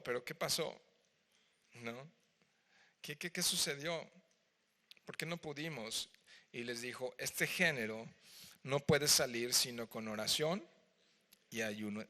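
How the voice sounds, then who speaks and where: Male pastor, Mexican Spanish accent, mid-pitched, bright tone, animated sermon in a reverberant hall. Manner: expressive, acts out Bible voices, chatty asides to the congregation. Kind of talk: verse-by-verse sermon. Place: church hall.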